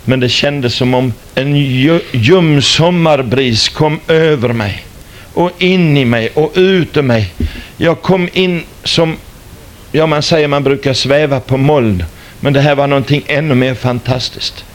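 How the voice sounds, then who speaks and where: Older man telling a dramatic testimony. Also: medium pitch. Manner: dramatic storyteller, repeats rhetorical questions. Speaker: former stage entertainer giving a testimony. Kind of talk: personal religious testimony.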